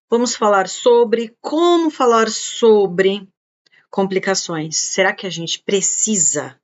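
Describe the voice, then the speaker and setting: A woman hosting a casual live stream as a diabetes educator, chatty and greeting viewers by name as they arrive. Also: medium pitch. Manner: chatty, warm greetings, thinking aloud with restarts. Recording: dull lo-fi live stream audio.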